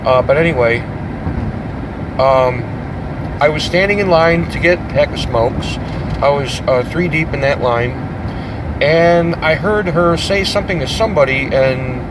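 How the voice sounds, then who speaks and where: A man's voice: on the high side, measured pace. Rambling middle-aged man vlogging from a car. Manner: rambling, jokey, self-interrupting. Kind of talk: casual road-trip monologue. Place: inside a car on the road at night. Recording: car engine and road noise.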